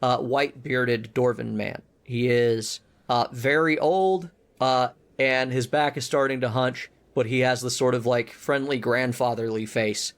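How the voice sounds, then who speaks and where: A man's voice: mid-range voice, steady tone, unhurried, hardly any pauses. A man narrating a tabletop game as game master, casual and full of self-corrections.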